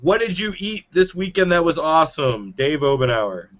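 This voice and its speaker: A man hosting a casual podcast, teasing his guests as he fires quick questions at them. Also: fairly high pitch, very animated, a bit bright, highs cut off. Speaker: podcast host. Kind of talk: casual chat.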